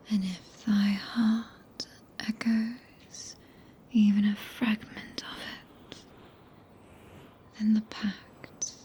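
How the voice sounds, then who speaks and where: A woman acts out a solemn, tender witch mistress with a British accent. She whispers in archaic phrases, extremely slowly and intimately, with a soft, dark tone. It is an ASMR roleplay captured close on a binaural mic, over faint ambient noise. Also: medium pitch. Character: tender, possessive four-handed witch, solemn and regal mistress. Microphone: close binaural ASMR microphone.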